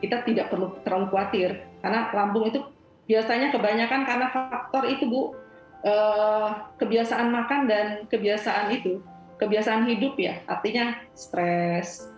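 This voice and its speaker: A woman's voice: mid-range voice, steady tone, moderate pace, reverberant, faint music behind, poor audio. A woman, a doctor giving reassuring, conversational medical explanations as a guest.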